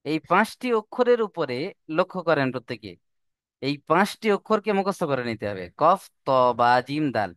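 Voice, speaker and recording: A man's voice: a little high, big pitch swings, moderate pace, a bit bright, no room sound, studio quality. A man teaching Quran reading rules step by step, stretching out the example words in a sung recitation. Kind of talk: slow step-by-step lesson.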